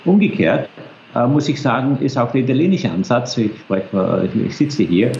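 A man's voice: medium pitch, lively intonation, moderate pace, vocal fry, a little mellow. A man with an Austrian accent answering interview questions over a video call, hesitant with many fillers. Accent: Austrian German. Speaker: interview guest, space agency official. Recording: roomy, dull video call audio with faint noise.

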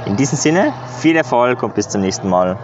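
A man's voice: medium pitch, lively intonation, fairly quick, over music. Earnest man giving coaching tips. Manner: earnest, coaching, often says "ja". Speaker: self-improvement coach. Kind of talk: casual motivational monologue. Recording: slightly dull recording.

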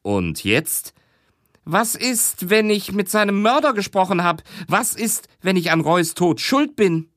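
A man's voice: high-pitched, expressive, moderate pace, fairly bright tone, no room sound, clean studio sound, voice pushed up. A man reading an audiobook, voicing a frightened woman who fears she spoke to a killer. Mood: anxious. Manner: anxious, pleading. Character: distressed woman witness fearing guilt.

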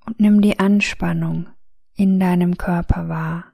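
A woman narrating a guided meditation in a soft, soothing, gentle voice with long pauses. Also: fairly low pitch, fairly even intonation, creaky, husky, no room sound, clean studio sound.

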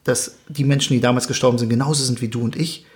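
Young man, interview guest, earnest, measured, reflective, occasional hesitations. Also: mid-range voice, steady tone. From Germany.

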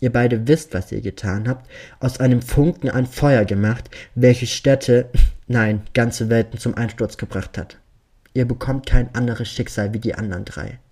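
A man's voice: mid-range voice, steady tone, unhurried, darkish tone. A man reading the lines of a vengeful young man who taunts his captives with impatient, mocking menace. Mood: bitter.

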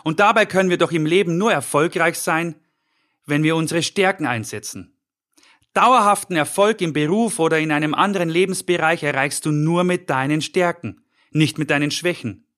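A man's voice: fairly high pitch, moderate pace, fairly bright tone. A middle-aged man, a life coach and podcast host, giving a scripted motivational talk in an earnest, encouraging way, speaking directly to the listener.

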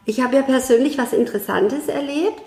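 Gravelly-voiced woman speaking thoughtfully. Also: high-pitched, dark tone, roomy sound. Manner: thoughtful, measured, with frequent hesitations. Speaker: guest. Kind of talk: conversational interview.

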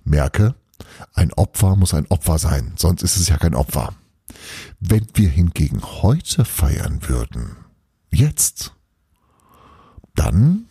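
A man's voice: a bass voice, vocal fry, dark tone, slightly rough, dry recording, clean studio sound, full character voice. A man voicing a stubborn old Santa Claus who lectures his elves in a persuasive way, in a storybook reading.

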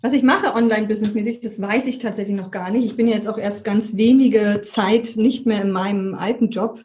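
A woman's voice: medium pitch, fairly even intonation, a little fast, darkish tone. A middle-aged woman speaking in a casual podcast chat, talking things through in a reflective way and laughing often. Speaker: podcast guest, wife.

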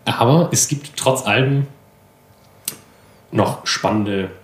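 A man's voice: medium pitch, takes it slowly, echoey room. A man co-hosting a casual podcast chat, rambling and self-deprecating with many fillers. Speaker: podcast co-host. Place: apartment room.

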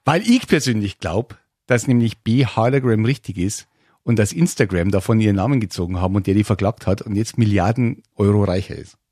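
A man's voice: fairly low pitch, fairly quick, a little mellow, husky, no room sound, studio quality. A man hosting a late-night radio quiz, teasing his co-host and speaking straight to the listeners. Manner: teasing, addresses listeners directly. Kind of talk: joking radio banter.

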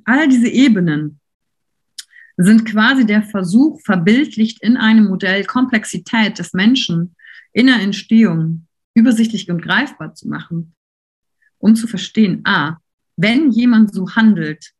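A woman giving a university lecture in a lively, conversational way, putting questions to her audience in the room. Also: medium pitch, unhurried, slightly rough. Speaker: university lecturer on coaching and leadership.

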